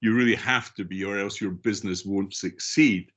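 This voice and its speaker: A man's voice: on the low side, normal speed, a bit bright. A middle-aged or older man with a strong Scottish accent giving an informal, emphatic webinar talk as guest speaker. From Scotland. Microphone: online video call. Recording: dull, lo-fi online call audio.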